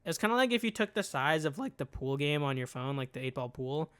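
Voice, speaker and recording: A young man co-hosting a casual comedy podcast, chatty and full of filler words, quick to get riled. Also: a little high, very animated, fairly bright tone, clear, resonant tone. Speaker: podcast co-host. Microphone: podcast microphone.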